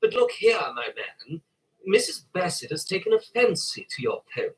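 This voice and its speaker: An actor plays an officious gentleman in a period drama. His voice is high and very husky, with animated rises and falls. He talks down to people in a condescending way. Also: normal speed, heavily acted, rough recording.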